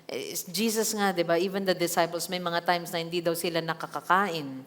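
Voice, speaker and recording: A woman pastor preaching a sermon in a church hall, reading scripture and adding lively asides with acted quotes. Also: fairly low pitch, moderate pace. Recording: long hall reverb.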